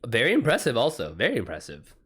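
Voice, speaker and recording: Hosting a live stream, a man reads his chat aloud and reacts casually, informal, exclamatory and quick to swear. His husky, medium-pitched voice rises and falls in a very lively way.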